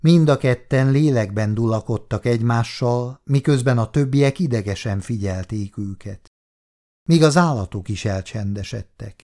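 A man reading an audiobook in a measured, dramatic narration. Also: medium pitch, warm tone.

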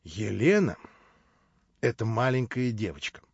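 A man reading a novel aloud in measured, composed scripted narration. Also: on the low side, big pitch swings, creaky, a little mellow, husky, no echo. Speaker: audiobook reader. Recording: dull, dry recording.

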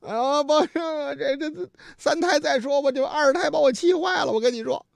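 A man's voice: very high voice, normal speed, creaky, no room sound, pitched above the performer's own voice. A man voicing a weeping, drunk middle-aged man who confesses his wrongs through tears, in a dry studio. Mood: tearful wailing. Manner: sobbing, wailing complaints.

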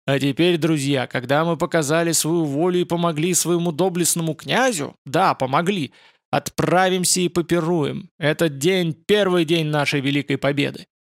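A man voicing a loud, fiery male crowd leader who rouses the mob. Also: a little high, normal speed, no room sound, clean studio sound, close to an everyday voice. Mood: rousing. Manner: shouting, fiery.

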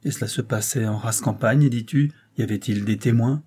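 A man reading the part of a calm, grave young doctor who questions slowly and deliberately. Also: medium pitch, husky, lightly acted. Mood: probing. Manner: slow, measured questioning.

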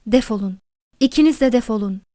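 A woman voicing an agitated middle-aged male doctor who shouts insults indignantly. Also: on the high side, fairly even intonation, normal speed, close to an everyday voice. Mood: furious.

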